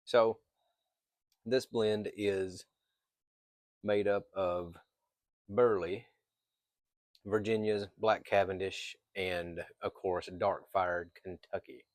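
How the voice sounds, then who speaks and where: Low-voiced man giving a casual review. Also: steady tone, dry recording. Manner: hesitant, pausing mid-thought, thinking aloud. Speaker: pipe tobacco reviewer. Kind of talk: casual unscripted product review.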